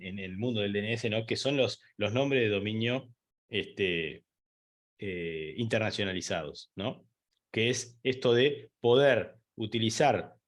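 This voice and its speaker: A man giving an online training lecture, explaining step by step with fillers, restarts and frequent checks with the listener. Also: fairly low pitch. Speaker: instructor.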